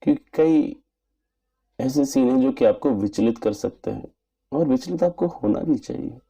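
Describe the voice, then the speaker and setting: A man giving an earnest, measured spoken movie review in formal wording. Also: medium pitch, expressive, gravelly, mellow. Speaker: film reviewer.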